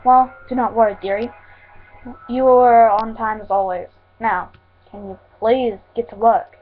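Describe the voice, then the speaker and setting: A polite older male shopkeeper, read by a woman, unhurried and mannered. He speaks a little slower than usual, and the sound is thin and tinny, like a phone line. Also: fairly high pitch, fairly even intonation. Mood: coaxing.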